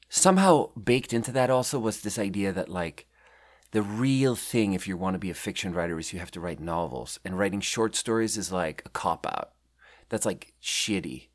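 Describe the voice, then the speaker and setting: A man in his thirties from Sweden, chatting casually as a podcast host, rambling and self-deprecating as he reads out his own writing. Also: fairly low pitch. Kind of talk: casual chat.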